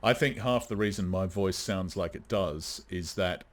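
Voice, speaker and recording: A man's voice: low voice, moderate pace. A man from Australia, an audiobook narrator, chatting casually and self-deprecatingly on a live stream.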